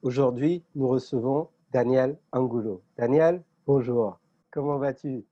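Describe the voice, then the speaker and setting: A man's voice: medium pitch, a little slow, lo-fi sound. A man co-hosting a podcast, welcoming listeners and introducing his guest in an upbeat way. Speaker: podcast co-host.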